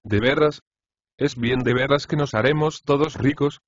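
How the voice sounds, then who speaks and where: A man voicing a gruff, complaining old male chorus leader in an audiobook of a comic play. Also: medium pitch, moderate pace, no room sound, lo-fi sound, natural voice. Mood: gleeful.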